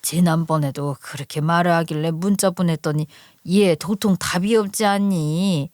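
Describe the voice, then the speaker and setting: A woman voicing an exasperated older mother-in-law who scolds in slow, drawn-out phrases. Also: lowish voice, a little mellow, dry recording, clean studio sound, pitched below the performer's own voice, natural voice. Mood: indignant.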